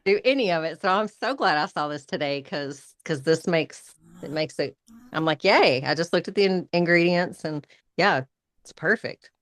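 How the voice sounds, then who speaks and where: Eager woman with a very low voice; dry, close sound. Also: moderate pace, no room sound. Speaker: product formulator, live viewer. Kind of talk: casual interview chat.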